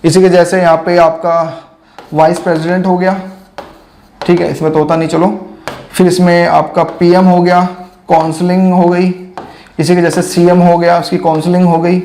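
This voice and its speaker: A man's voice: high-pitched, level tone, normal speed, a little mellow, slight background noise. A man teaching exam preparation in a casual, chatty lecture style, addressing students directly with lots of asides.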